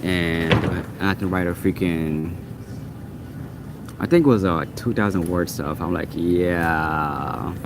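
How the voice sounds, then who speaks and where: Speaking slowly in a deep voice over background noise, a native Portuguese speaker vents in a casual, exasperated rant. He rambles and keeps repeating himself.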